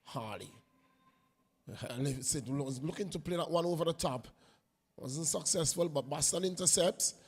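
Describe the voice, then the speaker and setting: A man giving unhurried live play-by-play commentary on a women's football match, lifting his voice when play gets close to goal. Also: a little high, slightly rough, in a large hall. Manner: unhurried play-by-play, rising on attacks.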